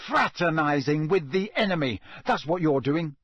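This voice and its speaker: A man's voice: a little high, expressive, normal speed, fairly bright tone, husky, no echo, clean studio sound. A man voicing a jealous, sulky teenage boy in an audiobook, scathing and accusatory. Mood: accusing.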